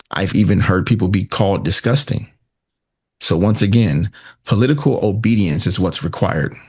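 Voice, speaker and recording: A man with a fairly low voice delivers scripted political commentary. He speaks very slowly and deliberately, setting phrases apart with dramatic pauses. His manner is sardonic and pointed, in the style of an exposé. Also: husky.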